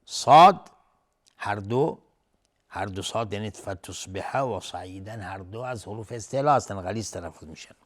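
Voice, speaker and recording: A man teaching Quran recitation on a television lesson, switching between slow chanted verses and brisk spoken explanations of pronunciation rules. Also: on the low side.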